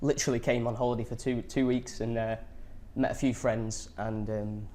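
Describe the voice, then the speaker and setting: A young man from England, a poker player answering interview questions in a halting way full of fillers. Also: medium pitch, level tone, dark tone. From England, near Blackpool. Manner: halting, lots of fillers and repeats. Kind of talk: casual interview.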